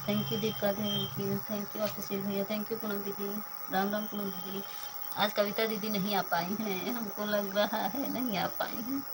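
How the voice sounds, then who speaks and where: A woman in her thirties chats on a phone live stream and thanks her viewers one by one. Her voice sits at an ordinary middle pitch. A steady hiss runs under the whole recording. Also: measured pace. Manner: chatty, thanks viewers by name, banters about food.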